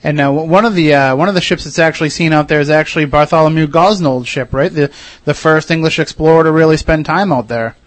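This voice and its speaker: A man's voice: on the high side, quick pace, dry recording. A man from Massachusetts hosting a casual radio interview, talking in a conversational, enthusiastic way. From Wareham, Massachusetts. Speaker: radio host.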